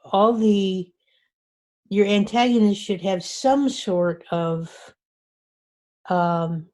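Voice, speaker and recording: A woman's voice: on the low side, a little mellow. A woman author giving an informal talk to a writers group, speaking conversationally with frequent restarts. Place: meeting room.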